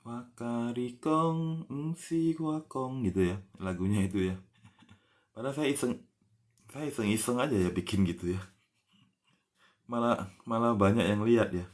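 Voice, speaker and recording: A man giving a casual language lesson, patiently explaining words and spelling them out letter by letter, ending many phrases with a soft "ya". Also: on the low side, normal speed, long pauses. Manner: frequent tag "ya" after phrases. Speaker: language teacher.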